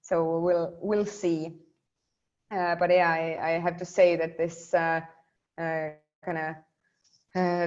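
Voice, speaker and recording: A woman's voice: on the low side, a little mellow. Chatty young woman, dull lo-fi sound. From Estonia. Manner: chatty, many fillers and restarts. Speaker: interviewee. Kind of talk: casual interview talk.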